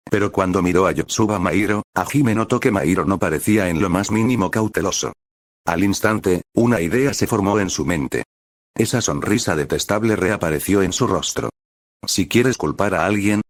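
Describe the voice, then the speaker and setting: A man reading a story as narrator in an even, steady way. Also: sits low, dry recording, clean studio sound.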